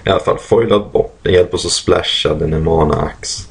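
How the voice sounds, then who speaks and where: A man casually commentating a card draft in speech, thinking aloud with many fillers and frequent throat-clearing. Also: deep voice, steady tone.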